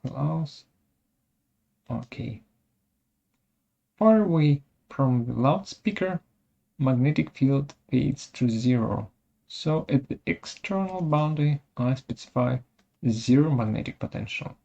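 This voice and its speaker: Narrating a technical tutorial step by step, a software webinar presenter of unclear sex moves very slowly through a demo in short, halting pieces. The dark, creaky, medium-pitched voice has lively intonation, and the dull, lo-fi audio picks up occasional mouse clicks.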